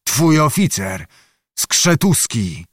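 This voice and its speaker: A man voicing a drunken, quarrelsome nobleman who mocks and shouts in a storybook reading. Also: mid-range voice, very animated, drawn-out words, no room sound, clean studio sound, exaggerated voice. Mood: outraged. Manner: loud, mocking, belligerent.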